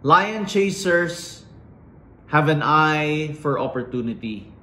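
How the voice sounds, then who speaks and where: Middle-aged male commencement speaker, slow deliberate inspirational delivery, roomy echo. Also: a little high, animated, bright, forceful tone. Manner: slow and dramatic, with emphatic pauses. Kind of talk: inspirational speech. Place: indoors against a plain wall. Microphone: fixed camera at chest framing.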